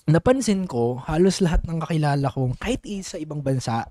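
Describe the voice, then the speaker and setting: Chatty Filipino podcast host, fairly high voice. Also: male voice, expressive, brisk, mellow, dry recording, clean studio sound. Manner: curious, chatty, lots of fillers and back-channels. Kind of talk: casual chat.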